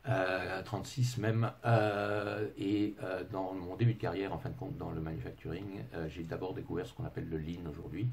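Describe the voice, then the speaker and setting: A man's voice: deep voice, little pitch movement, normal speed, gravelly, hardly any pauses, darkish tone. A middle-aged man with an English accent, speaking French as a second language, gives a webinar presentation as a consultant. He talks hesitantly, with many filler sounds and restarts, and slips in dry, self-mocking humor. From England.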